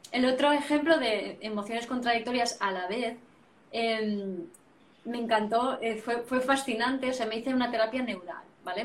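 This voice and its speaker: Woman, guest therapist, animated, repeats phrases, echoey room. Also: fairly high pitch, a little hiss or hum. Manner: animated, repetitive phrasing, frequent tag questions. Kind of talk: reflective conversational explanation. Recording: roomy sound, distant from mic.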